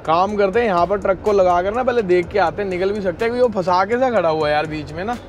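An Indian trucker vlogger with a high-pitched voice talks fast over slight background noise. He chats to viewers in an animated, casual way, calling them brother, with scenes in his truck cab and a snowy yard outdoors.

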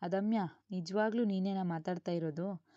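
Teasing gentle mother, read by a woman, low and mellow, lo-fi. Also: steady tone, normal speed, no echo, close to an everyday voice.

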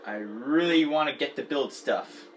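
A gaming channel host giving excitable, chatty, playful gameplay commentary. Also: mid-range voice, unhurried, a little hiss or hum.

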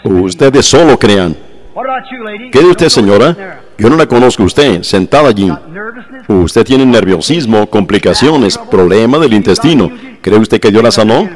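A man voicing a translated sermon, fervent, exclaiming praise and speaking straight to his listeners, slowing down for emphatic phrases. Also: lowish voice, expressive. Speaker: preacher.

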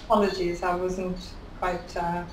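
A woman's voice: lowish voice, little pitch movement, measured pace, distant mic. A chatty woman introduces herself on a video call, laughing lightly between phrases. She sounds set back from the mic in a roomy space, with a faint hiss. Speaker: webinar guest speaker. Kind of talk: casual chat and self-introduction.

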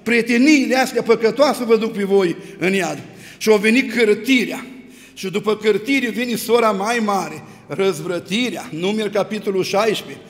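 Preacher guy, really high voice, big hall echo, gets fired up retelling stories. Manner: animated, retelling scripture with rising emphasis. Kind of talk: sermon. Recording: long hall reverb.

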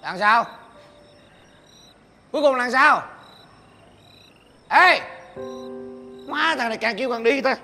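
A gruff, short-fused Southern Vietnamese dad, barking and cursing. He talks in a rapid, bright, high voice. Faint music plays behind him. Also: exaggerated voice. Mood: furious. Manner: shouting, scolding and cursing. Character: gruff hot-tempered middle-aged father. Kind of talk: film acting.

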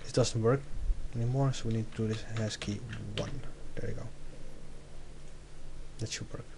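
A man's voice: on the low side, fairly even intonation, normal speed, creaky, background noise. A young man walking through a game-development tutorial while he works, thinking aloud and correcting himself as he goes. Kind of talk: screen-recorded coding tutorial.

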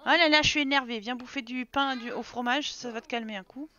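Bright-voiced woman streaming a life sim. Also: a little high, fairly quick. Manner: chatty, exasperated, talks to game characters and chat. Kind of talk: casual live game commentary. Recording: slightly dull stream audio with game music.

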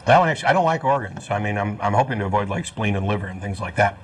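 A man co-hosting a studio talk show, joking in a deadpan way while he eats. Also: fairly low pitch, racing. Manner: jokey, deadpan, talks while eating. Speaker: co-host.

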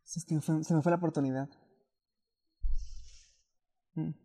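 A man's voice: a little high, steady tone, normal speed, dark tone. A man with a Latin American Spanish accent giving casual, hesitant, self-doubting commentary as he streams a video game.

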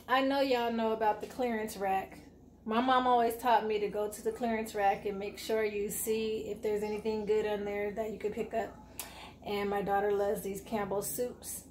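A vlogger in her forties happily talks her viewers through a casual grocery haul, holding the camera at arm's length in her home kitchen. She has a fairly high pitch with a darkish tone. The recording carries kitchen echo and faint room noise.

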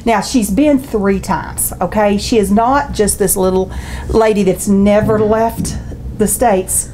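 A woman's voice: mid-range voice, fairly even intonation, slow, mellow, a little hiss or hum, poor audio. A woman in casual chat, joking and giggling about family sayings.

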